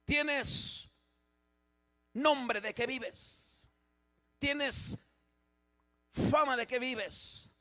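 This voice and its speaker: A man preaching in a church with a voice pitched very high for a man and a bright, forceful edge. He drops to hushed passages and then builds to loud, emphatic ones, often repeating and restarting his phrases as he presses a point. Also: very slow, pauses often. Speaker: pastor. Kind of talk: sermon.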